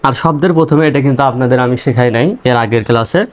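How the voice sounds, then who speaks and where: A man teaches English reading in a slow, patient lesson. He spells each word out letter by letter and then says it again, more than once. His voice sits at a middle pitch.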